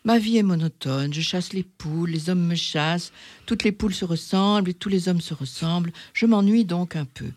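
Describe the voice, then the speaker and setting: A reader voicing a wise, weary fox who longs for a friend, gravelly and musing, sometimes whispering, reading aloud in two voices. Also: mid-range voice, darkish tone, lightly acted. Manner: slow, musing, confiding, dropping to whispers.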